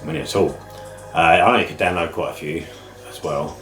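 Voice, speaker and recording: Low-voiced British man with a nasal cold. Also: fairly quick, fairly bright tone. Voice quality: slightly nasal, bunged up with a cold. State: man flu, a head cold. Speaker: host of a video game pick-ups channel. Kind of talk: casual chat to camera. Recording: roomy echo, music underneath. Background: music.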